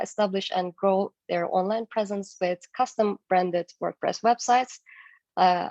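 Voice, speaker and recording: With a mid-range, slightly mellow voice touched by vocal fry, a woman from Turkey presents her agency online with slides as a guest speaker, hesitant and heavy on fillers. There's no room sound, and her video call microphone yields dull, dry audio.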